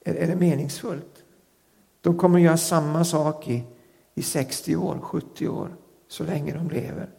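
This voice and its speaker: Gravelly male preacher in a reverberant hall. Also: fairly high pitch, fairly even intonation, mellow. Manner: earnest, rising emphasis and slowed words on key phrases. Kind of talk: sermon.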